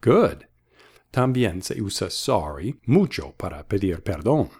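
A man teaches English in a slow, patient way, repeating each phrase for his student. His voice sits low with a slightly husky edge, and his intonation rises and falls broadly as he models words. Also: sing-song, a little mellow. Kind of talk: bilingual language lesson.

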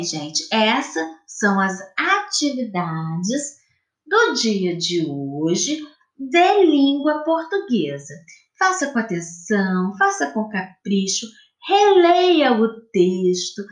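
Slow, lively Brazilian woman teacher. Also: a little high. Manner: slow, patient explaining, spelling out sounds and syllables. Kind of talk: recorded classroom lesson for pupils. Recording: echoey room.

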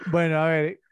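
A man's voice: fairly high pitch, fairly bright tone, husky, no room sound. A man co-hosting a casual film podcast, opinionated and quizzing his co-hosts. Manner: opinionated, questions the others. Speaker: podcast co-host.

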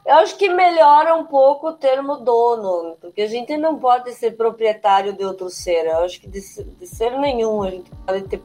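Chatty woman author, higher voice. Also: normal speed, hardly any pauses, warm tone, soft background music. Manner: chatty, frequent tag questions. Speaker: children's book author and teacher. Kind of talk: casual interview answers.

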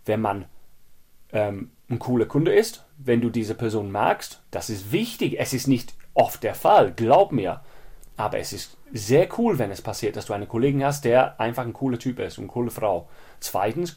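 Husky-voiced man venting in a monologue. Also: mid-range voice, a little mellow. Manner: rambling, frequent restarts, vents frustration. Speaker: podcast host. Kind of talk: personal storytelling monologue.

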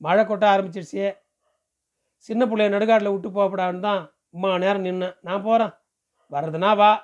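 A man's voice: high voice, fairly even intonation, a little fast, muffled recording, close to an everyday voice. A man voicing a pushy, talkative middle-aged village man who fires off questions in rural speech in an audiobook. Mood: pressing, coaxing. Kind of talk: audiobook character voice.

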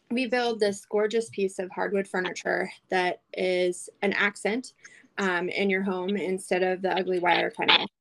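A woman's voice: medium pitch, a bit bright, poor audio. A woman in her forties, a podcast guest who runs a small business, talking in a cheerful, chatty way with frequent fillers. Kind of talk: casual podcast interview.

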